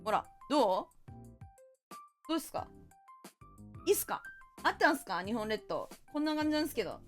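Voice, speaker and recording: High, lively playful woman streamer. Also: brisk, soft background music. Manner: playful, teasing, mock-indignant. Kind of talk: casual game-stream chat.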